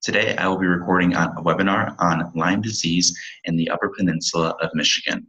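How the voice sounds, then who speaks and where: A man's voice: low voice, fairly even intonation, fairly quick, bright, forceful tone, dull audio. A young man in his twenties, a pharmacy student, giving a recorded slide presentation and reading from his slides with small slips and restarts.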